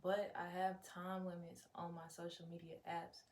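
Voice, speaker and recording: Lower-pitched young woman, unfiltered rambling vlogger. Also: monotone, moderate pace, darkish tone. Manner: unfiltered, rambling, profanity-laced, slangy. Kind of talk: casual chatty vlog, talking to viewers. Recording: clear background noise, room ambience.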